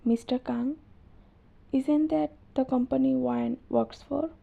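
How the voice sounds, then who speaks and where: A woman voicing a prompt, professional young male assistant who speaks briskly, on a dull lo-fi recording. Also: sits high, steady tone, vocal fry, heavily acted. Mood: businesslike. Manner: brisk, businesslike.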